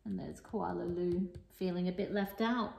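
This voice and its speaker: A woman reading a picture book aloud to young children, playful and expressive, with sing-song rhymes and the odd whisper. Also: fairly low pitch, normal speed, gravelly. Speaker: children's storyteller and teacher. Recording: echoey room.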